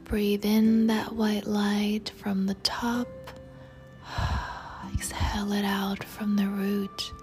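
A woman guiding a meditation in a soft, breathy spa whisper, soothing and tender toward the listener. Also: medium pitch, flat delivery, slow, few pauses. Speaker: meditation guide. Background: music.

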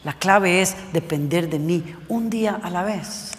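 A man voicing God as a calm, patient presence speaking quietly and lower to a young believer. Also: unhurried, in a large hall. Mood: calm, instructing.

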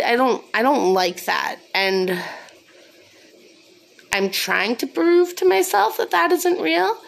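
Woman, mid-pitched voice, solo podcast host, casual confessional ramble, sweary, self-deprecating, slightly sniffly, phone recording. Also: vocal fry, a bit bright. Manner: snorting laugh.

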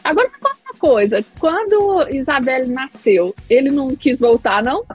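A woman's voice: high-pitched, sing-song, moderate pace, slightly rough, faint music behind. A woman hosting a podcast, giving short affirmations and prompting her guest. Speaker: podcast host. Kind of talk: interviewing a guest.

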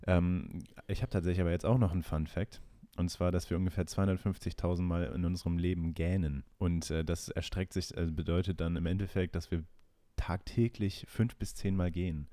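A man's voice: deep voice, fairly even intonation, a little fast, warm tone, no room sound, clean studio sound. A man co-hosting a casual podcast, hesitant and questioning, recorded over a remote call. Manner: hesitant, many fillers, questioning. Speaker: podcast co-host. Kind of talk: casual chat.

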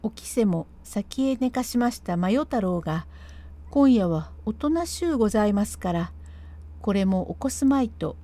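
Mellow-voiced woman reading an old tale. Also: medium pitch, lively intonation. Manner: measured old-fashioned narration. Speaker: storyteller reading a classic tale. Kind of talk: reading a traditional comic storytelling text aloud.

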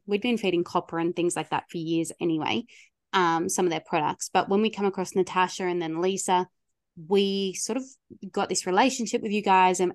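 A woman's voice: lowish voice, a little mellow, dry recording, studio quality. Woman co-hosting a chatty podcast. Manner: rambling, many fillers like "like" and "um". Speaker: podcast co-host. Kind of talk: casual podcast chat.

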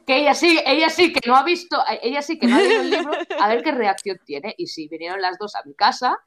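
A young woman from Spain chatting on a podcast, telling animated stories and acting out the people in them. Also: high voice, moderate pace, a crowd in the background. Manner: animated storytelling, acts out quoted voices. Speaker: podcast co-host. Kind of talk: casual chat.

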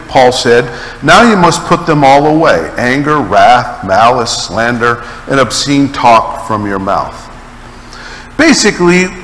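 Man preaching a sermon: slow, bright, expressive delivery in a reverberant hall. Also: on the high side, slight background noise. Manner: animated storytelling with dramatic pauses. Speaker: pastor.

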